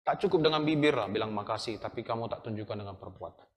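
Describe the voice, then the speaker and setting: A man's voice: fairly low pitch, expressive, quick pace. A man with an Indonesian accent, teaching a Sunday school sermon to young people in an earnest, admonishing way. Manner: earnest, admonishing, asks the listeners questions. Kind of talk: sermon to youth. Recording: long hall reverb.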